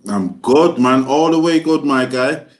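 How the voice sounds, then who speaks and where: A man's voice: medium pitch, animated, unhurried. A man with a London roadman accent co-hosting a football podcast, giving opinions in casual, slang-heavy banter. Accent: London, roadman-style street slang. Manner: slangy, opinionated, repeats tag phrases like a street chat. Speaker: podcast co-host.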